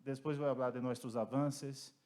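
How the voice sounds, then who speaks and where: A man with a Brazilian Portuguese accent giving panel remarks in careful, deliberate Spanish mixed with Portuguese, as a native Portuguese speaker. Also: mid-range voice, fairly even intonation, a little mellow. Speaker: petrochemical company representative, panelist. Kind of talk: prepared remarks at a conference panel.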